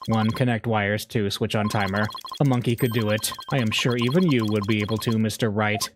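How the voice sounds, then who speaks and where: A man voicing a curt male bomb squad specialist in a game playthrough, speaking in a flat, robotic, synthesized-sounding monotone with clipped, terse phrases. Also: lowish voice, a little fast, noisy background, voice pushed down. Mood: robotic deadpan. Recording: game music playing behind.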